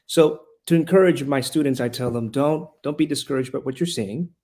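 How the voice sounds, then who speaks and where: Brisk and warm-toned at a medium pitch, a Honduran podcast guest who teaches rhetoric and heads a classical school speaks with earnest passion. He often goes back and restarts his phrases.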